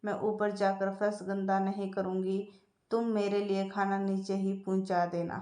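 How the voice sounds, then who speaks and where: A woman voicing a gentle, trusting elderly mother who speaks softly and hesitantly, in a storybook reading. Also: mid-range voice, little pitch movement, moderate pace, lightly acted. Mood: pleading. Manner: soft, pleading, hesitant. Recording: echoey room.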